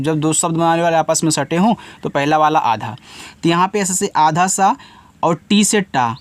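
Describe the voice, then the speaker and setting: A man giving an English lesson step by step, patiently repeating each word and its meaning and spelling letters out slowly. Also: high voice, no echo. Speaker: English teacher.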